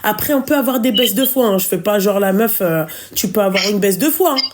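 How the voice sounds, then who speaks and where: A woman's voice: medium pitch, animated, fairly quick, a little hiss or hum. A woman hosting a call-in advice talk, fervent, affectionate and emphatic.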